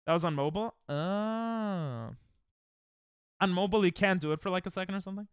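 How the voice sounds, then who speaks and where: He banters with chat while gaming, sarcastic and joking, his high, smooth voice moving a little fast. There's no room sound in this clean studio recording.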